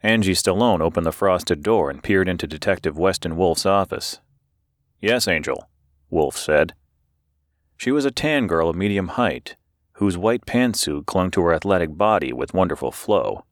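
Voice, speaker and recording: Deep-voiced male audiobook narrator. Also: dry recording, clean studio sound. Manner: steady, measured, voices the characters.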